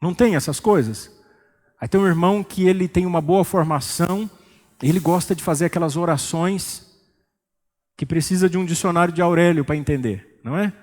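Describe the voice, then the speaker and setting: A man with a Brazilian Portuguese accent preaching an expository sermon as pastor, calm and joking, acting out church members. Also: a little high, fairly quick, big-room sound. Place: church sanctuary.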